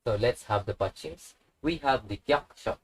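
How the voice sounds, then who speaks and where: A man's voice: medium pitch, moderate pace, rough recording. A man teaching a language lesson, patiently repeating each example word. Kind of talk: slow instructional tutorial.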